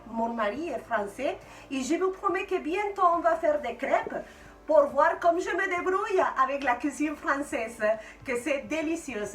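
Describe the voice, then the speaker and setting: Mexican woman, home cook chatting to her "friends" slowly with lots of euh, roomy sound. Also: high-pitched. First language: Spanish. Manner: chatty, addresses viewers as friends, frequent hesitations. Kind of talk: casual cooking tutorial. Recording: roomy, from mic distance, faint music.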